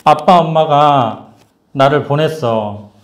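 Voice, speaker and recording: A man voicing a male police officer who slowly and gently coaxes small children to come with him. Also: echoey room. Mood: coaxing. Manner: slow, low, coaxing.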